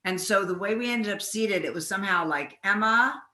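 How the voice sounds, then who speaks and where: A woman guest tells lively anecdotes in a casual interview and laughs as she goes. Her voice is strikingly bright and sharp at a middle pitch. A roomy echo hangs around her words. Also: fairly quick. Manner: lively anecdotal storyteller, laughs while talking.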